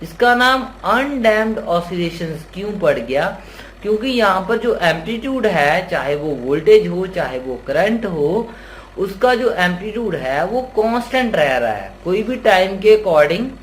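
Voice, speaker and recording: High-voiced man teaching engineering. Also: slight background noise. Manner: asks and answers own questions; voices students' doubts. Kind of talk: explanatory lecture.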